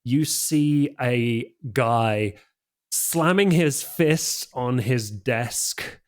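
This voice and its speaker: Male storyteller, slow unhurried delivery, casual tabletop narration, lots of ums. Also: medium pitch. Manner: slow, loose narration with many fillers.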